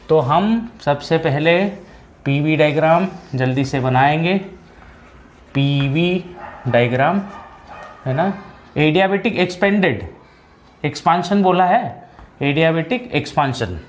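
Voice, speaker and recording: A man with a fairly high voice teaches an engineering class in an unhurried lecture style. He reads the problem text out slowly, then adds quick asides and keeps checking in with his students. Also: animated. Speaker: engineering tutor. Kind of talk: whiteboard lecture.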